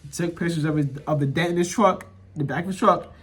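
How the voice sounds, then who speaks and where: A man telling a personal story in a casual vlog, animated and repetitive, often laughing as he talks. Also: fairly high pitch, fast talker, slightly rough. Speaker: vlogger.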